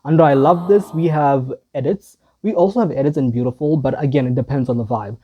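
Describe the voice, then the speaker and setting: A man's voice: medium pitch, brisk, muffled recording. A man making casual reaction commentary for his video channel, rambling and hesitant, with a self-deprecating, wandering way of talking. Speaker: video creator.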